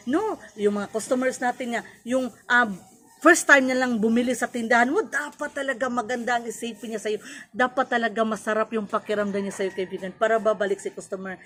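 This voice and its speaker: A woman's voice: fairly high pitch, fairly quick, slight background noise. A woman from Cebu with a Cebuano accent, a store owner giving casual advice to her viewers, mixing in English and often adding "no?". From Cebu, Philippines. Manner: chatty, repeats "kaibigan" and "no?", mixes in English. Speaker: sari-sari store owner vlogger.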